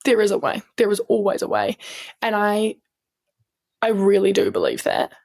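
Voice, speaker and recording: A woman's voice: mid-range voice, wildly swooping pitch, moderate pace, creaky, darkish tone. A woman with a New Zealand accent, telling stories as a guest in an easygoing interview, earnest and full of restarts. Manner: earnest, with frequent restarts and ums. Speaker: guest, strength coach and sports medic. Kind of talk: casual interview storytelling.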